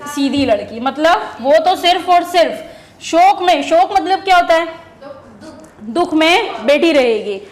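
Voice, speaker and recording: A woman teacher giving an exam-prep lesson, asking questions and answering them herself while repeating key words. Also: sits high. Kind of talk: exam-prep lesson using memory stories.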